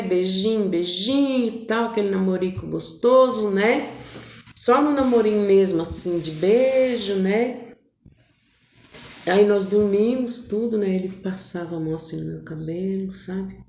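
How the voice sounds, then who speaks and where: A woman's voice: medium pitch, unhurried. Woman telling her family story, acts out the voices, roomy echoey sound. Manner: intimate, animated retelling with voiced quotes. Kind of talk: personal storytelling to viewers. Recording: echoey room.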